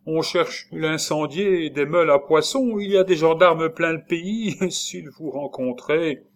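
Shrill frightened peasant nurse voiced by a man. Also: lively intonation, a little slow. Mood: alarmed. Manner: shrill exclaiming falsetto. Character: frightened peasant nurse woman, superstitious, excitable. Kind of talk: audiobook reading.

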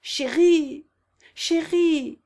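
A woman's voice: medium pitch, animated, slow. Lady reading as a sick old guy, shaky and breathless, stammering tender words. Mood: faltering, tender. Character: frail sick old man, tearful and timid.

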